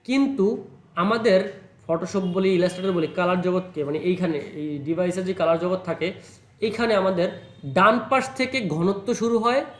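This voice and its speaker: A man teaching a computer class, patient and reassuring, repeating words slowly for a student. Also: high-pitched, reverberant.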